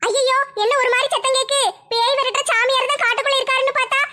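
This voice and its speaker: A woman's voice: extremely high pitch, level tone, fast talker, bright, forceful tone. A woman playing a fearful, chatty village wife and mother who rambles and complains. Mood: frightened.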